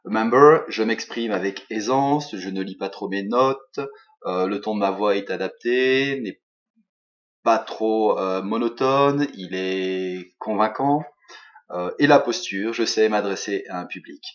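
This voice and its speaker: A man's voice: fairly low pitch, unhurried. A man with a French accent, a native French speaker, teaching English and giving recorded feedback on a student task, hesitant and full of fillers. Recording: dull lo-fi recording.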